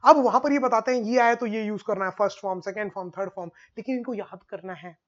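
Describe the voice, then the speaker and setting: A man's voice: high voice, quick pace. Man teaching in a dull lo-fi recording. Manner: drills word forms in a steady rhythm, often checks understanding. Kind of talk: online exam-prep lesson.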